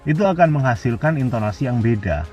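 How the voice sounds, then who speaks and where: A man's voice: medium pitch, expressive, quick pace, darkish tone, far from the mic, lo-fi sound, soft background music. A man giving blunt, casual dating advice as a scripted voice-over. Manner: blunt slangy Jakarta-style casual talk.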